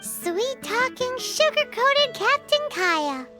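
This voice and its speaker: A woman's voice: very high-pitched, very animated, takes it slowly, loud music behind the voice, full character voice. A woman voicing a tiny, childlike fairy companion in a video game, perky and cheeky. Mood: teasing. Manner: refers to self in third person, perky. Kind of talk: English video game character acting.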